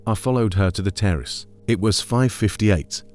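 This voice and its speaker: A man with a low voice narrating a scripted scary story in a measured, somber way. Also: darkish tone.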